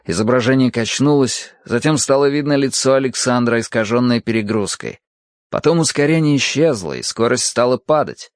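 A man narrating a science-fiction story in a measured, even storytelling manner. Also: medium pitch, no echo, clean studio sound. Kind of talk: audiobook reading of science fiction.

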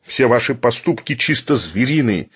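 A man's voice: mid-range voice, lively intonation, normal speed, a little hiss or hum, lightly acted. A man voicing an irritable elderly male professor, pompous and ironic, roaring when angry. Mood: scolding.

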